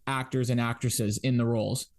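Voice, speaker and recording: A man's voice: medium pitch, little pitch movement, moderate pace, darkish tone. Man chiming in on a podcast. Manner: brief agreeing interjections. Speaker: podcast co-host. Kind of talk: casual podcast chat.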